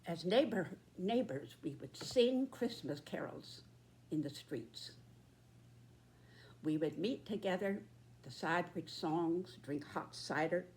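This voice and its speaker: A woman in her nineties giving a reflective, earnest address in short, halting phrases. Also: on the low side, darkish tone. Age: 90s. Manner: very old person's slow, halting delivery in short phrases.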